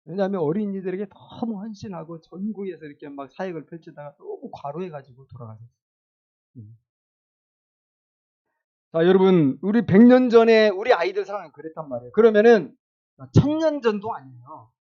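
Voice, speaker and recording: A man's voice: high voice, lively intonation, a little fast, lo-fi sound. A male pastor preaching a sermon in a casual, conversational way, asking the congregation questions and chuckling now and then.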